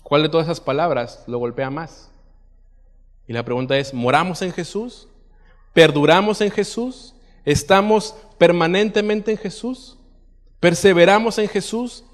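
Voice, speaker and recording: A man's voice: fairly high pitch, a little slow. A man preaching a sermon, reading scripture aloud with swelling emphasis and putting questions to the congregation. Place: church hall. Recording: reverberant church hall.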